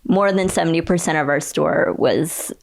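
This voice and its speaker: A young woman with a low, full voice speaks as a guest in a relaxed interview. She tells her story in an animated way, acting out remarks and laughing often. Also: moderate pace, gravelly. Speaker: Starbucks barista and union organizer, guest.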